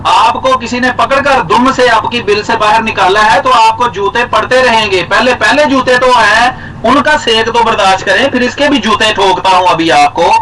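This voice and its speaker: A man's voice: extremely high pitch, moderate pace, bright, forceful tone, a little hiss or hum, rough recording. A man in a heated religious debate, scornful, repeating curses and insults at his opponent. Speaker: Ahmadi debater.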